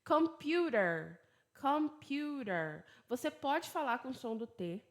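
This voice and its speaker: A woman's voice: a little high, animated. Brazilian woman teaching English, American-leaning accent. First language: Portuguese. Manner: drills words slowly, then explains in quick chatty Portuguese; laughs at her own slips. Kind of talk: online English lesson for Portuguese speakers. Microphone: laptop.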